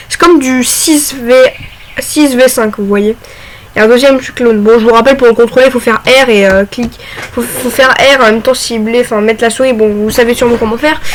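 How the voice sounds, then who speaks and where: A young woman casually talking through game tips, chatty and excitable with lots of fillers. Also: on the high side, slight background noise. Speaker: gaming YouTuber. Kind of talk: casual gaming commentary.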